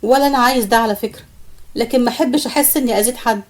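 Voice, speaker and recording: A woman's voice: a little high, racing, close to an everyday voice. A woman with an Egyptian accent voicing a young male student who apologizes insistently. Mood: pleading. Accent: Egyptian Arabic. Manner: pleading, insistent.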